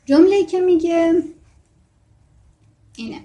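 Mellow-voiced woman giving a casual reading lesson. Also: extremely high pitch. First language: Gilaki. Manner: chatty, thinking aloud with fillers and self-corrections. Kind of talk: casual lesson, reading book excerpts aloud.

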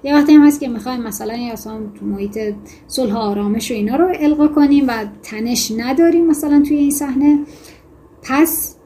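A woman teaching a lesson on fiction writing, explaining in a conversational way with self-corrections and reading passages aloud in a measured voice. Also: fairly high pitch, mellow, slight background noise. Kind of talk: lecture on fiction writing with read-aloud excerpts.

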